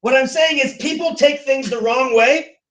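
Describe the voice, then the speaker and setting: High-voiced male teacher, distant echoey room. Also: moderate pace. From United States. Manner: animated, acts out quoted voices. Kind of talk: classroom lecture. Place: classroom. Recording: echoey classroom from far off.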